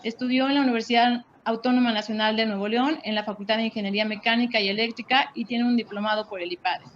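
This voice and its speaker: A woman reads formal speaker introductions as a webinar moderator. Her voice sits fairly high. The audio is dull and lo-fi with faint noise. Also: fairly even intonation, fast talker.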